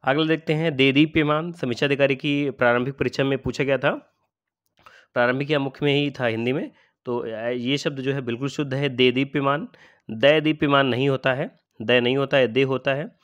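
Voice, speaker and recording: A man's voice: medium pitch, fairly even intonation, brisk, clean tone. A middle-aged man, an exam-prep teacher, giving a spelling lesson and patiently repeating each word with rhetorical questions.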